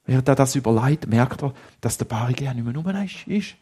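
A man with a Swiss German accent telling a story to children in a lively way, dropping to hushed tones for suspense, in a husky voice. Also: medium pitch, brisk.

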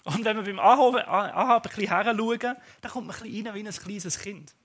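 Swiss german preacher telling a bible story, chatty and lively, fairly high voice. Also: male voice, brisk, breathy edge. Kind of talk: sermon retelling a Bible story.

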